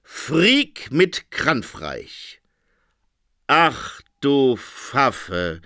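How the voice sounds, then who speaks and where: A man's voice: a little high, sing-song, unhurried, fairly bright tone, dry recording, studio quality, pitched above the performer's own voice, heavily acted. A man voicing a fussy, moody male phoenix king in a storybook reading, with theatrical exclamations and sighs. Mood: dismayed.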